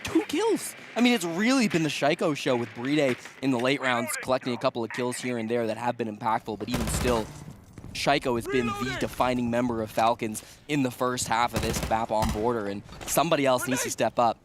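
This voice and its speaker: A man delivers live esports commentary and analysis, emphatic and repeating key phrases to give them weight. His medium-pitched voice is brisk, with a music bed and a noisy background behind it.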